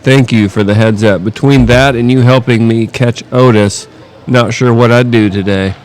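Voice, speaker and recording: A man voicing a grateful male neighbor with a Southern US accent, reading out a thank-you text slowly and earnestly. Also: medium pitch, fairly even intonation, darkish tone, close to an everyday voice.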